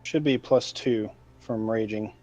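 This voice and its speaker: Slow-talking man running a tabletop game. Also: fairly low pitch, a little mellow, no room sound. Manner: slow, halting narration with fillers. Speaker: game master. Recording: dull lo-fi sound.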